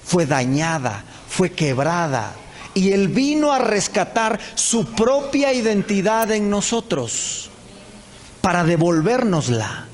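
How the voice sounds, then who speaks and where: Animated pastor preaching in a reverberant hall. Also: male voice, sits high, a little hiss or hum. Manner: animated preaching, acts out Bible characters in quick dialogue. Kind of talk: sermon. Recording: live church hall with reverb and faint ambience.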